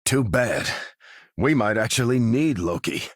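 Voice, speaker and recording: An actor with an American accent playing a dutiful, resolute soldier who commands a superhero team in a video game, firm and plain-spoken. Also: male voice, medium pitch, animated, unhurried, no echo, clean studio sound. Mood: grave, firm. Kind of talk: video game character voice lines.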